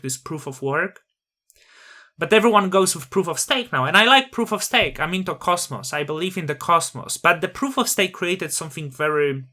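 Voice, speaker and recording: A man's voice: a little high, pushed and bright. A man with a noticeable non-native accent hosting a crypto channel, talking in a grandiose, self-aggrandizing persona full of rhetorical questions. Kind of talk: casual opinion monologue on screen.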